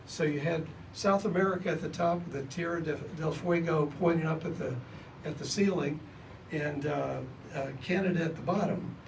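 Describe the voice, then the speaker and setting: A man hosting an event, introducing a guest speaker in a loose, halting way with many fillers. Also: a little high, vocal fry. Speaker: event host. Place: library meeting room. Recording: distant mic with noisy room.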